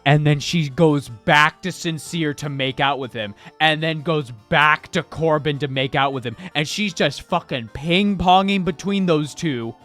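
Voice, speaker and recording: A man streaming live while he paints miniatures, chatting casually and swearing freely, with sudden loud bursts of excitement. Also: a little high, a little slow, hardly any pauses, soft background music.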